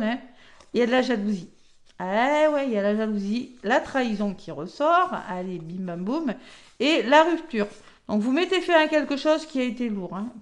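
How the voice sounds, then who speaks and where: A woman giving a casual weekly card reading, chatty and talking straight to her viewers. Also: fairly high pitch. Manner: chatty, peppers talk with "hein" and "d'accord"; addresses viewers directly. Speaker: tarot card reader. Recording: echoey room.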